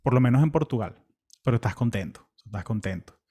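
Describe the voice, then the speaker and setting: A man's voice: mid-range voice, fairly quick. A young Venezuelan man tells travel stories in a loose, conversational Spanish. His voice sits in an ordinary middle register. He talks easily, circling back on his words with fillers and restarts. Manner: relaxed, chatty, many fillers and restarts. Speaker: pilgrim recounting a walk. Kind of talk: casual travel storytelling.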